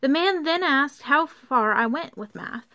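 A young woman giving an earnest, somewhat halting rant to camera from a basement, partly reading from her notes. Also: high voice, animated, pushed and bright. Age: young adult. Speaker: vlogger. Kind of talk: informal video rant, partly read from notes. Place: unfinished basement used for storing workout equipment.

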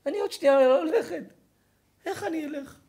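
Man doing an anxious, grieving old mother, raised high, pleading in tears. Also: warm tone. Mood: anguished. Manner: pleading, tearful questioning.

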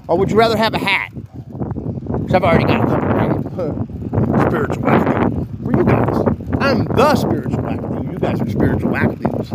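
A man in his fifties vlogging from his bicycle in the rain, talking into his phone in an earnest, rough-spoken ramble full of restarts. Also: on the high side. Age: 50s. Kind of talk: rambling religious talk to camera. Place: outdoors, riding a bicycle in the rain. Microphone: phone held while riding. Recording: wind noise and rain hitting the phone mic.

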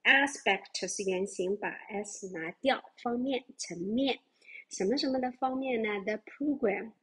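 A woman's voice: fairly high pitch, a little slow, a bit bright, husky. A woman teaching English vocabulary, explaining words and spelling them out letter by letter. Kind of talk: vocabulary lesson.

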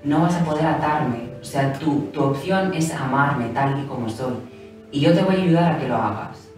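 A woman's voice: low-pitched, normal speed, music in the background. A woman, answering interview questions earnestly and reflectively, recorded on a lapel mic in a small studio. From Catalonia, Spain. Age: 20s. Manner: earnest, reflective, repeats words when searching. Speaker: pageant winner guest. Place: small TV studio set, indoors.

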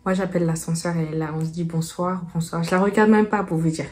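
A woman's voice: on the low side, steady tone, quick pace, a little mellow, faint music behind. A young woman telling a personal story to her viewers in a casual storytime. She talks in a chatty way, full of fillers, and acts out the back-and-forth dialogue as she goes. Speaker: vlogger.

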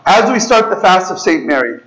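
A man's voice: high voice, very animated, a little fast, a bit bright, poor audio. A man, a priest preaching a conversational sermon to his congregation in a large church and often checking in with "right?" and "okay?". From United States. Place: large ornate church, indoors, speaking to a seated congregation. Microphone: far camera, preacher standing at a lectern.

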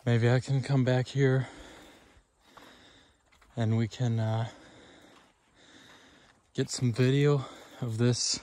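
A man's voice: mid-range voice, level tone. A man in casual, rambling narration as an ASMR host walking a forest trail outdoors. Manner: soft, rambling and unhurried.

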